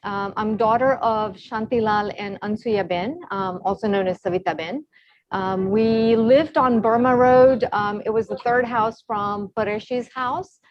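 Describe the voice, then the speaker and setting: A woman's voice: mid-range voice, a little slow. Middle-aged lady from zambia giving a talk on a zoom call, lots of ums, kinda muffled sound. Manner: relaxed, many ums, explanatory. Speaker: Ayurvedic consultant giving a talk. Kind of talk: presentation on a video call. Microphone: video call. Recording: slightly dull video call audio.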